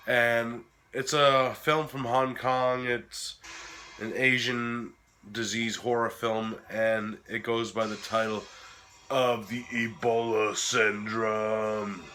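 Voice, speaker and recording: A man hosting a casual film review while sick, his voice cracking, talking in a halting, informal, sweary way. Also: on the low side, sharp tone, a little hiss or hum. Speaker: host of a horror film review series.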